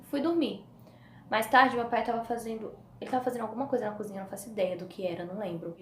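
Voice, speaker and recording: A woman with a Brazilian Portuguese accent telling a personal story as a vlogger, animated and acting out the voices of the people in it. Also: on the high side, rapid-fire. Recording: echoey room with faint noise.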